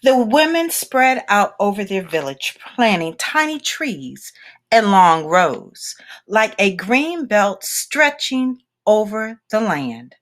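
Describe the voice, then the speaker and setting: With a mid-range voice, a woman reads aloud from a children's picture book, pausing dramatically as she goes. Her storytelling is measured and full of expression.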